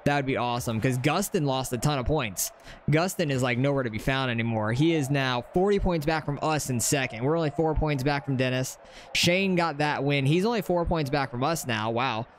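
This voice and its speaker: A young man casually commentating his own racing game, excitable and rambling. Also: mid-range voice, brisk, slight background noise. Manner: chatty, excitable, rambling with fillers. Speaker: gaming channel host.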